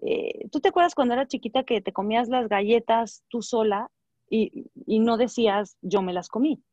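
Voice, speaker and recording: A woman's voice: fairly high pitch, normal speed, a little mellow, no echo. A woman with a Mexican accent giving conversational advice as a guest, acting out little dialogues, with many fillers and restarts. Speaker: guest advisor. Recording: dull lo-fi dry sound.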